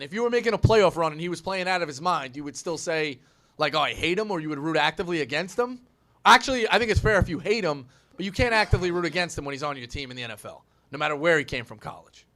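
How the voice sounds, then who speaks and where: A man in his thirties hosting a sports talk show, animated and telling stories with acted-out quotes. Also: fairly high pitch, quick pace. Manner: animated, storytelling, acts out quotes. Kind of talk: casual sports radio chat.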